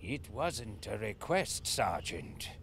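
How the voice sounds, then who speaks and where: An actor playing an elderly villainous inventor in a video game, condescending and theatrically menacing in a polite way. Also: male voice, on the low side, very animated, slow, gravelly, fairly bright tone, slight background noise, full character voice. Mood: mock politeness. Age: older.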